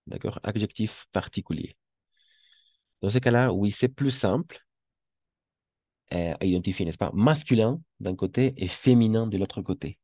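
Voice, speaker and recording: A man's voice: fairly low pitch, warm tone, no echo. A man teaching French to a class, patient and repeating each word for the students. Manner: slow, patient, repeats words for drilling. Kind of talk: classroom lesson.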